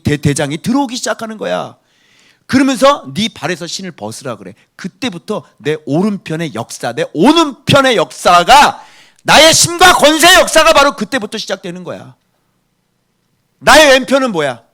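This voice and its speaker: Preaching with emphasis, this middle-aged male pastor alternates between booming outbursts and quiet asides. The pitch of his voice is on the high side.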